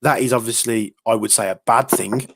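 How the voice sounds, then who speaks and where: A man's voice: medium pitch, fairly even intonation, normal speed, gravelly, husky, no echo, clean studio sound. A man hosting a casual airsoft talk show, telling stories with lots of fillers and restarts. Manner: rambling, filler-heavy storytelling. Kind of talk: casual podcast chat.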